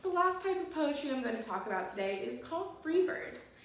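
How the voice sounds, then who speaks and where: A woman's voice: sits high, big pitch swings, fairly quick. A woman teaching an online poetry lesson, explaining each rule patiently and step by step. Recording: very echoey room.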